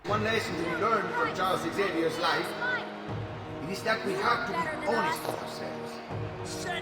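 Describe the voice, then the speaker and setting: An actor playing a dignified, impassioned political orator, speaking formally to a rally in a video game. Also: male voice, high voice, very animated, unhurried. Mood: dignified, rousing. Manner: formal, declamatory. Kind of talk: public speech, video game voice acting. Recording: echoey distant rally PA, loud music, crowd.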